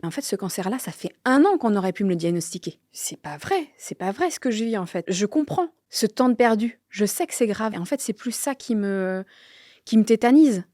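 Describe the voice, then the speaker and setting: A woman, telling her own story candidly, halting with many fillers and sometimes dropping to a near-whisper. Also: mid-range voice, expressive, warm tone, dry recording, clean studio sound. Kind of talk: personal testimony.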